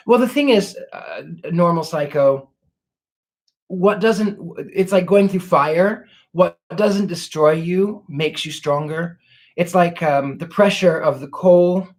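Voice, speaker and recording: A man hosts a casual live Q&A chat, answering viewer questions in a courtly, gracious way and thanking people warmly. Reflective, he pauses and restarts sentences many times while searching for words, and his voice is a little high.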